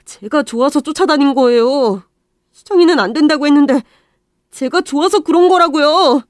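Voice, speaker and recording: An earnest teenage boy voiced by a woman pleads in a radio drama. The voice sits a little high for a lad and sounds dry and close, with no room around it. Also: normal speed, dry recording, lightly acted. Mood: pleading. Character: earnest teenage boy defending his girlfriend.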